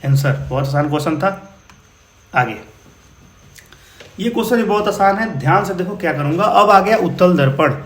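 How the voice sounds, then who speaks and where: A man's voice: sits high, animated, moderate pace, long pauses. A man with a Bihari accent teaching physics numericals in a casual, encouraging way, often calling his students brother. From India. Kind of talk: explaining exam problems.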